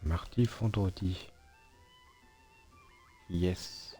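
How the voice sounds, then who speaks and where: A man's voice: sits low, drawn-out words, warm tone, soft background music. A man streaming a video game, muttering to himself in a hesitant, casual way and chatting with his viewers. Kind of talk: casual gameplay live-stream commentary.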